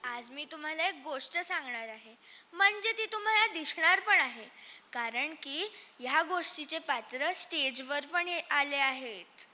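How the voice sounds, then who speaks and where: A woman storyteller narrating a children's tale on a stage, lively and expressive, speaking to the audience. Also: high-pitched, unhurried. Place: stage in a hall. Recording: echoey hall, faint ambience.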